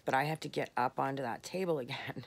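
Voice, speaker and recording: A woman talking candidly in a late-night personal vlog, tired and slurring her words, rambling with soft pauses. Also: rumbling low, breathy edge. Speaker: vlogger.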